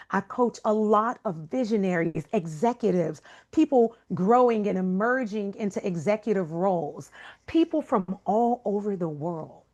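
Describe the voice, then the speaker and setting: Slow, emphatic woman voice coach. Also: medium pitch, dull audio. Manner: emphatic, expressive, drops into soft whispers for emphasis. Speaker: voice coach and guest speaker. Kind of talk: webinar presentation.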